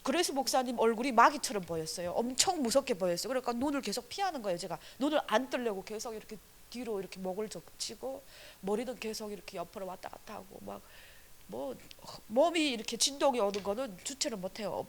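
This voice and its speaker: A woman evangelist giving an earnest, animated testimony at a church service, with many fillers. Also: a little high, fast.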